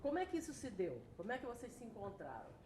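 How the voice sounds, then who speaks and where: A woman's voice: a little high, wildly swooping pitch, fast talker, noisy background. A woman in the audience asking a curious, rambling question, rephrasing it several times. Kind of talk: panel Q&A.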